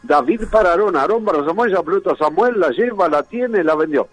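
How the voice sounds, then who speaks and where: A man's voice: high-pitched, expressive, brisk, loud music behind the voice, low-quality recording. A man with a Rioplatense Spanish accent telling one joke after another on a radio show, laughing at his own punchlines. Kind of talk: rapid-fire joke telling.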